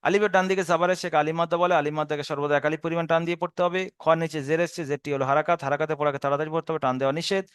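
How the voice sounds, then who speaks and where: A man teaching a Quran reading lesson. He draws out the Arabic syllables slowly, then explains the rules quickly, with a Bengali accent. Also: a little high, fairly even intonation, clean tone, no room sound, clean studio sound. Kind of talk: spelling out Arabic letters in a recorded lesson.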